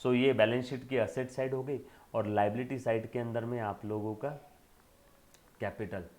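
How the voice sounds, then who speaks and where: A man's voice: medium pitch, steady tone, moderate pace, a little mellow. A male accountancy lecturer giving an emphatic classroom lecture, checking in with rhetorical questions and fondly addressing students as children.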